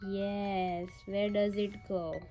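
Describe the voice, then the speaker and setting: A woman's voice: mid-range voice, flat delivery, slow, dark tone, soft background music. A woman talking to a toddler in simple, encouraging words as if reading to one, teaching shapes and colors as a mother at play.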